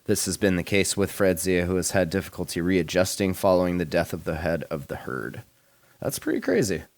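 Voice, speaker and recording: A man's voice: low voice, sing-song, a little fast, dry recording. A man hosting a podcast in casual chat, laid-back and rambling, swearing and laughing often. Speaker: podcast host.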